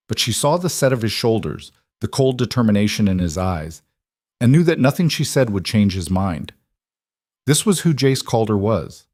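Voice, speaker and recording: A man narrating a scripted audiobook story in a measured, even way on a close mic. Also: fairly low pitch, no echo.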